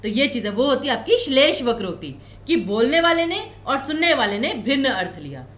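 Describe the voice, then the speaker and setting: A woman teacher giving an exam coaching lecture, explaining patiently and repeating key points slowly, reassuring her students. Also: high voice, very animated, a bit bright. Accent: Himachali Hindi. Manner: reassuring, tells students not to worry. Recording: echoey room.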